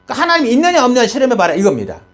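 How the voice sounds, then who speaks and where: A male pastor delivers a sermon with a lively, swinging pitch, moving between quiet, low stretches and bright, raised exclamations. He tells a story with rhetorical questions, and faint music plays underneath. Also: racing.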